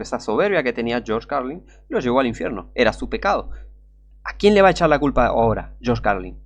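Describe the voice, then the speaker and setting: Preaching with scorn and fervor, a Rioplatense-accented man fires rhetorical questions through an impassioned street-style sermon. His voice sits at medium pitch and has a gravelly quality.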